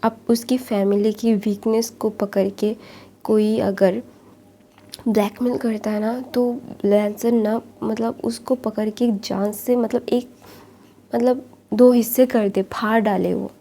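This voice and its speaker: A woman retells a story in a relaxed, chatty way, padding her sentences with filler words. Her voice is a little high and gravelly, with a mellow, dark tone. Her pitch stays fairly flat. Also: takes it slowly. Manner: chatty, loose delivery with constant filler words. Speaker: storyteller retelling fan fiction. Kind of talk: casual spoken story retelling.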